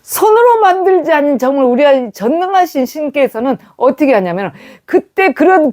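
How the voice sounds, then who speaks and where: A woman's voice: sits high, darkish tone. A middle-aged woman giving a sermon testimony, telling a story animatedly with quoted dialogue. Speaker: preacher.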